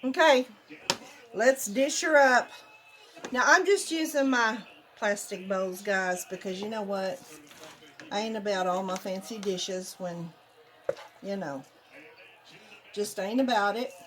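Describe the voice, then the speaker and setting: A woman's voice: mid-range voice, slow pace, pauses often, a bit bright, poor audio. A middle-aged or older woman, chatting casually and folksily to viewers as she demonstrates home cooking. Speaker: home cook vlogger.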